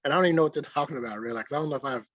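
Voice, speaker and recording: A man's voice: fairly high pitch, very fast, a bit bright. A man with a Mississippi accent and a country drawl, chatting casually as a guest. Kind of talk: casual chat. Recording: muffled, dry lo-fi sound.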